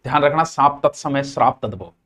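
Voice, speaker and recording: A man's voice: mid-range voice, quick pace, fairly bright tone. A man teaching Hindi grammar to a class, drilling words by repeating them again and again and slipping in playful, folksy asides. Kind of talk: classroom lecture.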